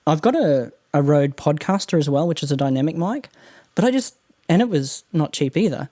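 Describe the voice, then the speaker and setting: With lively intonation, a fairly high pitch, and a dark tone, a nasal-voiced Australian man talks a bit fast. Recorded cleanly and dry on a condenser mic in a home room lined with mattresses, he rambles cheerfully as a guest in a casual tech chat about podcast gear, laughing frequently.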